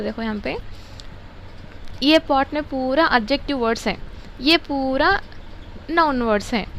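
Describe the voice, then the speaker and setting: High-voiced woman teaching grammar. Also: fairly bright tone, a little hiss or hum, rough recording. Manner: slow, drawn-out pronunciation of English example words; repeats words several times to drill them. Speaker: English teacher. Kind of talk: explaining grammar to schoolchildren.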